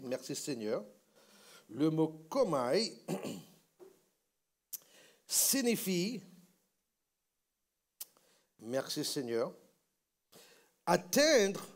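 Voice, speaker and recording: Animated preacher drilling a congregation. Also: male voice, high voice, very slow, long pauses. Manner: call-and-response teaching, repeating words for the congregation. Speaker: pastor. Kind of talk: sermon. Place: church.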